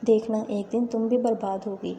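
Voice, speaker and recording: A woman's voice: on the high side, little pitch movement, mellow, a little hiss or hum, natural voice. A woman reading the lines of a wronged young wife in a storybook tale, speaking in a reproachful, pleading way.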